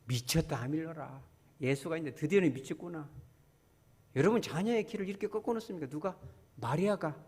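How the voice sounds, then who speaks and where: A man preaching a Sunday sermon as pastor, animated, acting out scolding relatives in quick asides. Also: sits high, slightly rough. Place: church sanctuary. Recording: church hall reverb.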